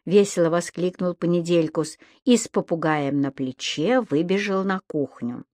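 A woman narrating a children's storybook in a clear, even reading voice. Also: on the low side, normal speed, no room sound, studio quality. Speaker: audiobook narrator.

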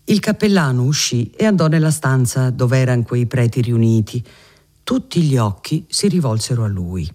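Guy reading an old novel aloud, steady expressive narration, mellow voice. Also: medium pitch, normal speed. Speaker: audiobook reader.

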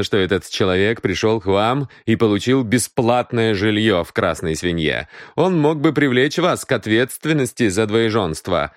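A man's voice: mid-range voice, no room sound, clean studio sound, close to an everyday voice. Man as a cold stern detective. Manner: cold, measured, firm. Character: cool, stern male detective.

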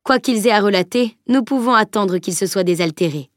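A woman's voice: mid-range voice, a little fast, dry recording, clean studio sound, lightly acted. A woman reading a composed male leader. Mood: warm. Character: stern, composed male leader, man of arms.

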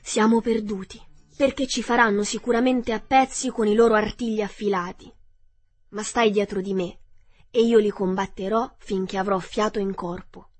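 A woman voicing a big, cowardly male lion, loud and anxious in a storybook reading, with a husky voice. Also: medium pitch, fairly even intonation, normal speed, close to an everyday voice. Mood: fearful.

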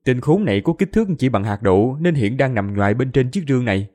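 A man narrating a fantasy audiobook in an expressive storytelling manner. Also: mid-range voice, quick pace. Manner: expressive storytelling, voices all characters.

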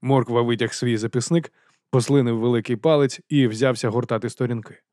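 A man narrating an audiobook in a steady, even reading voice. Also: medium pitch, fairly quick, dry recording, clean studio sound. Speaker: audiobook reader.

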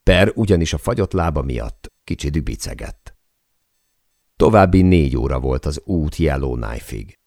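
A man reading a first-person memoir aloud as an audiobook narrator, in a measured, deliberate way. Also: rumbling low, expressive, a little mellow, no room sound, clean studio sound.

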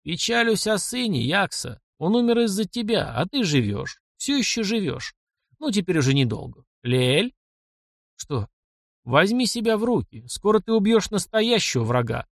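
Cruel old steppe chieftain, man doing the voice, slow growling commands, raised voice, dry sound. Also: high-pitched, very animated, vocal fry, dry recording, voice pushed up, heavily acted. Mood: cold menace. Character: old scarred vengeful nomad chieftain, cruel.

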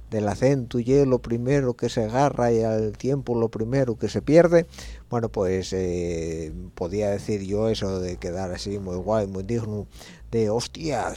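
A man's voice: lowish voice, warm tone. Rambling Asturian radio host, man. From Asturias, Spain. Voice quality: slightly slurred speech. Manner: rambling and musing, with a frequent "eh?" tag. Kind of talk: late-night radio monologue.

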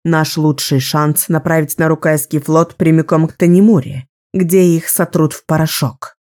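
A woman reading a low, resolute sorceress. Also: steady tone, normal speed, a little mellow, close to an everyday voice. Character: resolute young female sorceress, strategist. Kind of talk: audiobook role reading.

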